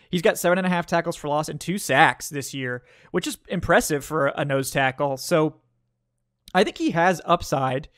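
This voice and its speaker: A man's voice: a little high, fairly bright tone, dry recording, clean studio sound. A young adult man hosting a podcast, giving a casual football analysis monologue with lots of fillers and restarts. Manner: conversational, frequent fillers and restarts. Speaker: podcast host.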